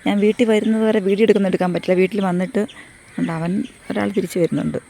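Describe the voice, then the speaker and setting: A woman walking a rural path on a casual vlog, hoarse from losing her voice, chatty and rambling as she repeats herself. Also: medium pitch, fairly even intonation, rapid-fire, dark tone, slight background noise. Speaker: vlogger. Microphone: phone front camera at arm's length.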